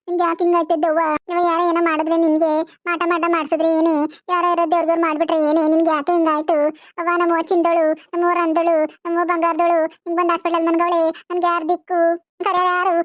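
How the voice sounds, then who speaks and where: A woman's voice: very high voice, dry recording, dull audio. A woman voicing a grown village daughter who wails in a sing-song lament in a cartoon. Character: wailing grown daughter at hospital bed. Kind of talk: cartoon voice acting.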